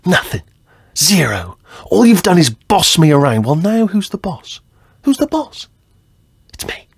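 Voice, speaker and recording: A man's voice: high voice, sing-song, takes it slowly, gravelly, breathy edge, dry recording, clean studio sound, full character voice. A man voicing a chatty, nervous male robot sidekick in a video game, with a rambling, stammering way of talking. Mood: resentful.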